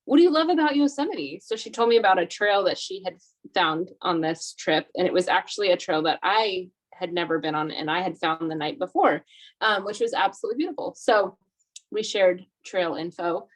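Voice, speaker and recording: A woman on a video call, chatting casually and telling a lively story to her meeting group, full of fillers. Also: fairly low pitch, moderate pace. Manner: chatty, animated, lots of fillers. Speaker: meeting participant.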